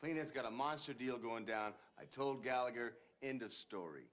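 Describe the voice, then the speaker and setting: A man's voice: medium pitch, moderate pace, a bit bright, natural voice. An American man playing a combative, foul-mouthed street criminal under arrest in a film drama. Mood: dismissive. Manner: combative, swearing. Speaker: criminal suspect. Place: bare concrete interrogation room on film.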